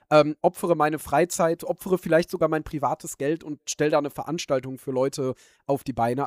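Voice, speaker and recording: A man's voice: a little high, a little mellow, no room sound, clean studio sound. A man hosting a podcast, talking thoughtfully with many fillers in casual chat. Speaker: podcast host.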